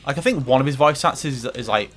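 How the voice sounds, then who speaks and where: A man's voice: mid-range voice, fast talker, a bit bright. Rambling, swearing young man over gameplay. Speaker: gaming commentator. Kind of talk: let's play commentary.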